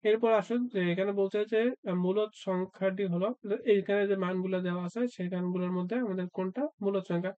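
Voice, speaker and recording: A man's voice: sits high, flat delivery, fairly quick, mellow, no room sound, muffled recording. A man teaching an exam-prep math lesson, asking himself questions and answering them, with frequent "uh" fillers. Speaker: math tutor.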